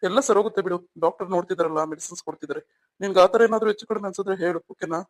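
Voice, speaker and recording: A man voicing a calm, reassuring young husband in a cartoon story. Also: sits high, rapid-fire, close to an everyday voice. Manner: soothing, reassuring.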